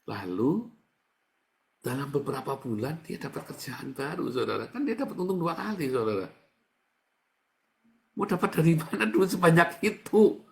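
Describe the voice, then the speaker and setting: A man's voice: on the high side, expressive, moderate pace, gravelly, long pauses. A man preaching a sermon with fervor, urging listeners to repeat phrases after him. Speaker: pastor. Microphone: online Zoom session.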